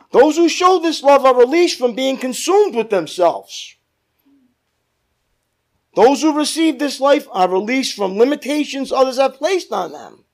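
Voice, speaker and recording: A male preacher with a very high-pitched voice delivers a church sermon. He stresses and draws out his key phrases, addressing his listeners directly and seeking their agreement. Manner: calls for amens from listeners.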